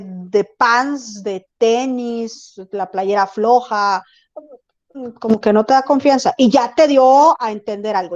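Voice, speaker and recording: A woman's voice: a little high, darkish tone, highs cut off. A woman teaching an online class, chatty and often checking that her students follow. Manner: conversational, asks students if they follow. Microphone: video call.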